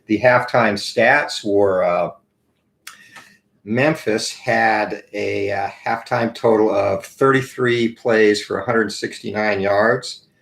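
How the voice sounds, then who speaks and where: Man with a low voice narrating dice football. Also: gravelly, a bit bright, poor audio. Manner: explains rules and dice rolls, many "uh" pauses. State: morning voice, clears throat. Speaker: host demonstrating a tabletop football game. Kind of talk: casual play-by-play of a tabletop dice game.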